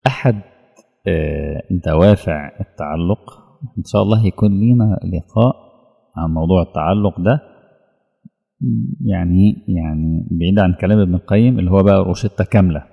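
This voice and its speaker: A man with an Egyptian accent giving a religious lesson in a lively colloquial way, acting out little dialogues. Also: low voice, quick pace, vocal fry, long pauses, husky, long reverb tail, narrow, tinny audio. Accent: Egyptian Arabic. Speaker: preacher.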